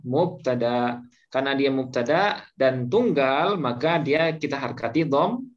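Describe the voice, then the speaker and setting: A man's voice: medium pitch, a little slow, a crowd in the background. A man teaching Arabic grammar to a class, patiently repeating each point and leaving gaps for students to finish his words. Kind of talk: slow classroom lesson. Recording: dull lo-fi recording, faint noise.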